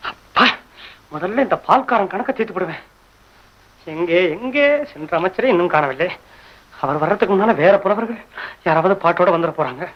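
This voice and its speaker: A young man in a school play, playing a regal, excitable male king who declaims grandly. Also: high voice. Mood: excited. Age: teens. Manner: grand, declaiming royal speech. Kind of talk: school stage play acting. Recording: dull lo-fi stage recording.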